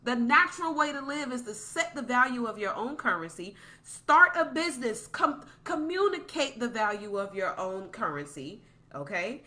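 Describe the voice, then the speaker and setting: A woman's voice: a little high, expressive, moderate pace, bright, forceful tone. A woman delivering a passionate, preachy podcast monologue, repeating points for emphasis.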